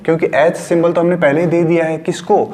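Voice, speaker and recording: A man's voice: on the high side, flat delivery, quick pace, darkish tone. A man from India teaching a science class, repeating key words and asking and answering his own questions as he writes on a board. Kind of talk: class lecture mixing Hindi and English. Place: room with a board.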